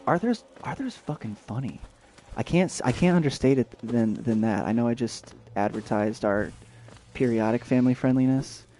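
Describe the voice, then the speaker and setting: A young man chats loosely over his game stream, stopping and restarting his sentences. His voice sits in a mellow, warm register. Faint noise sits under the talk. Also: medium pitch, animated, moderate pace. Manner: rambling, many fillers and restarts. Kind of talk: casual let's-play chat.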